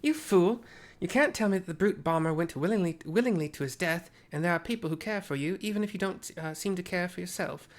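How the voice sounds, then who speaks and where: Man doing a young woman fighter with a put-on Irish accent, loud, raised pitch, game read-aloud. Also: a little fast, hardly any pauses. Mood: scolding. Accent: attempted Irish. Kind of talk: reading game dialogue aloud.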